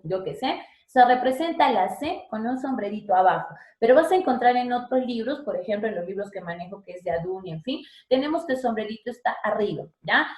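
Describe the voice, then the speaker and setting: Woman, teacher; higher voice, chatty classroom delivery, echoey room sound. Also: darkish tone. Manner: chatty, checks in with students often. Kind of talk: online language lesson. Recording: roomy echo.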